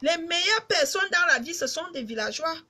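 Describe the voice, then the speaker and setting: A woman's voice: very high voice, lively intonation, normal speed, background noise. A middle-aged woman from Cameroon with a Cameroonian accent, chatting casually and emphatically to her fans on a live video stream. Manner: emphatic, repetitive, addresses fans directly.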